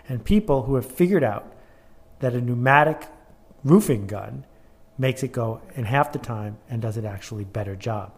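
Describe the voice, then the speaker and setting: A man of ordinary pitch gives a motivational instructional talk about his own workbook. He builds his points through repetition and pointed rhetorical questions, speaking with steady emphasis.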